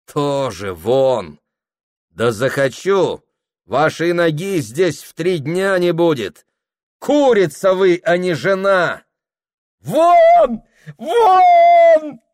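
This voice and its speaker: A shrieking outraged housewife. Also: male voice, sits high, very animated, very slow, darkish tone, voice pushed up, exaggerated voice. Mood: furious shrieking. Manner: screaming, outraged. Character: shrill furious middle-aged housewife, mistress of the house.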